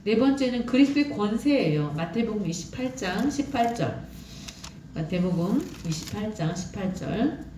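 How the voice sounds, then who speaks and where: A woman's voice: mid-range voice, lively intonation, normal speed. Woman preaching in an echoey room. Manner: conversational, with many fillers and personal testimony. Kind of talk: sermon. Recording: echoey room from far off, faint noise.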